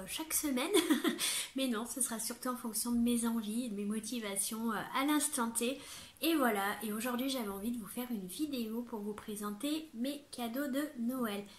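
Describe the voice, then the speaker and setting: Young woman vlogger, bright higher voice, bubbly and chatty, room echo. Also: moderate pace. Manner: chatty, bubbly, laughs often, many fillers. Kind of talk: casual chat. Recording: echoey room.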